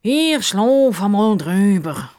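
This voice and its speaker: A woman voicing a pompous, self-important male crocodile who talks slowly and condescendingly. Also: medium pitch, sing-song, darkish tone. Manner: slow, drawn-out, condescending.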